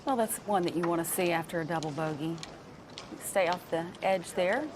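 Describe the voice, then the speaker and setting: A woman's voice: lowish voice, moderate pace, very noisy. A woman hosting a live golf broadcast with concise, orderly commentary. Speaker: lead golf commentator and host.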